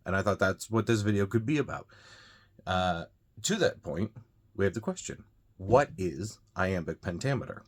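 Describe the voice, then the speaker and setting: Deep-voiced man explaining poetry casually. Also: animated, normal speed. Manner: loose and unscripted, frequent uh and you know, restarts. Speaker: host of a reading channel.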